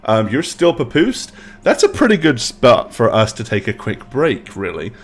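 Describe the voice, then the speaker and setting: A man narrating as game master of a tabletop game, unhurried and hesitant, often pausing with "um". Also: medium pitch, huge pitch swings. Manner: unhurried, hesitant with frequent ums.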